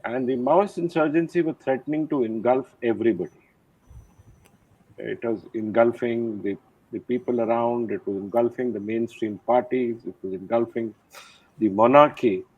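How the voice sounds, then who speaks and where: A retired army general from India, an older man, is interviewed as a guest over a thin, dry, phone-like line. His voice is medium-pitched and slightly rough, and he speaks in a measured, reflective way with many "uh" pauses.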